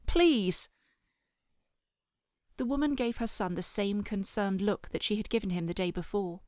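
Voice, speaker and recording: A woman narrating a children's audiobook in a measured storytelling manner with lively phrasing. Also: medium pitch, no echo, clean studio sound. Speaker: audiobook reader. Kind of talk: scripted narration.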